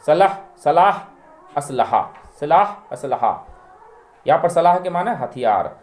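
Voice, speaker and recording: A man teaching a spoken grammar lesson, reading out word pairs one by one and repeating them slowly and deliberately for learners. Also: on the high side, animated, darkish tone, reverberant. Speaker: language teacher.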